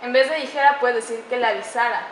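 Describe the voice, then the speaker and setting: A woman giving a class presentation on writing errors, slowing down carefully whenever she reads out an example sentence. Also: fairly high pitch. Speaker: student presenter. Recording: echoey room with faint background noise.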